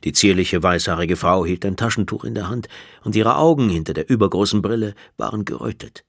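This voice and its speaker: A man reading an audiobook as narrator, calm and measured in his storytelling. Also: fairly low pitch, gravelly, no echo, studio quality.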